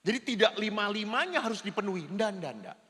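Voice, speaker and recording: Priest leading a family seminar, high bright voice, playful and lively, reverberant church hall. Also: male voice, quick pace. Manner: lively, jokey, acts out spouses' lines. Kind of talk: humorous seminar talk. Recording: long reverb of a large hall.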